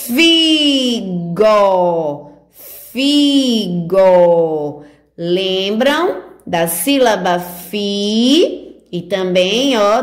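A woman from Brazil teaches preschoolers to write their letters, talking them through each stroke. Her delivery is very unhurried and sing-song, full of gentle diminutives, with a medium pitch. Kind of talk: remote handwriting lesson for young children.

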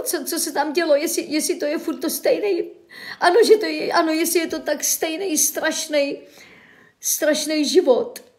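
High-voiced woman, mock-tearful livestream. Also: creaky, a little mellow. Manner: mock-tearful, sarcastic, melodramatic sighing. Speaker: livestreamer reading local news and chat. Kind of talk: casual livestream chat.

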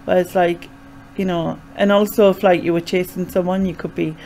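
A woman's voice: on the low side, steady tone, moderate pace, darkish tone, rough recording. A young woman with a Sunderland Mackem accent, chatting casually and hesitantly as she explains things in a rambling way. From North East England. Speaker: vlogger. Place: small bedroom indoors. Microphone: desk microphone with pop filter, close.

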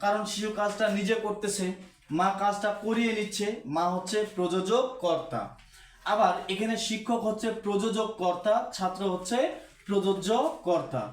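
A man's voice: high voice, moderate pace. A man teaching a grammar lesson to a class, asking questions and repeating the key terms. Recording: echoey room.

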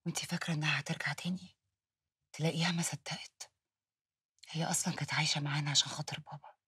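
Husky, bitter Egyptian sister. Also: female voice, low voice, steady tone, very fast, sharp tone, no room sound, full character voice. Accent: Egyptian Arabic. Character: bitter sister talking about a departed sibling. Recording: distant, dry.

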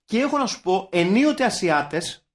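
A young man from Greece co-hosting a podcast, chatting casually with animated, jokey rants and swearing. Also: sits high. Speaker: podcast co-host. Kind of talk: casual chat.

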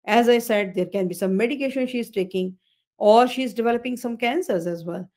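Speaking fairly quickly in a slightly high voice with a darkish tone, this obstetric consultant in her fifties runs a webinar lecture over slides on a video call. Heard through her computer mic, she frequently repeats herself and uses fillers while correcting her wording.

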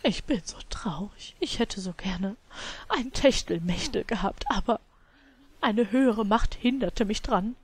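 A woman's voice: fairly high pitch, a little slow, long pauses, breathy edge. A woman whispering as a mopey lovesick Sim. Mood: sad, hushed. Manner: hushed, mournful, sighing.

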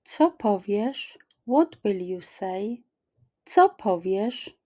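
Very slow, careful woman teaching phrases. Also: mid-range voice, animated, warm tone. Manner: slow, careful, clearly articulated repetition. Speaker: Polish language teacher. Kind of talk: extra slow language lesson, repeating phrases.

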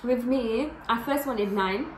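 Excitable young woman in a roomy kitchen. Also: a little high, slow pace, slight background noise. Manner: animated, excitable. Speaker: guest. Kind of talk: casual chat. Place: home kitchen, indoors.

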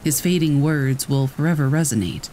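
A man reading first-person scary stories aloud in a steady, measured storytelling voice. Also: mid-range voice, slight background noise, poor audio. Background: rain.

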